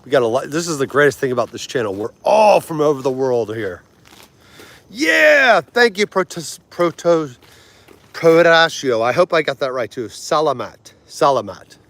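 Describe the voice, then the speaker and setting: Here a man in his forties runs a casual livestream, bantering with viewers, laughing freely, and pronouncing foreign words slowly. His fairly high voice is sing-song and gravelly, with a slightly bright edge.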